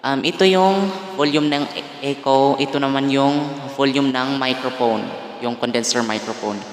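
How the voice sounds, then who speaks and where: A man with a Filipino accent, giving a casual how-to vlog with lots of pauses and fillers, talking into a condenser microphone. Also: medium pitch, steady tone, no room sound. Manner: hesitant, fillers and frequent pauses; addresses viewers politely as guys. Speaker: vlogger. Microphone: condenser mic through a sound card.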